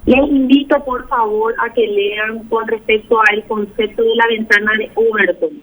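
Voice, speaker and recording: A woman's voice: a little high, fairly even intonation, normal speed, a bit bright. A woman senator, speaking as a remote guest over a crackly, breaking-up phone line. She talks in a formal, emphatic and firm way.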